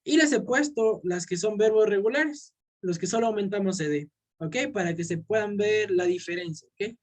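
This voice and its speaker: A male English teacher giving a recorded classroom lesson, who checks in constantly with "ok?" and slows down on each English example word. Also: high-pitched.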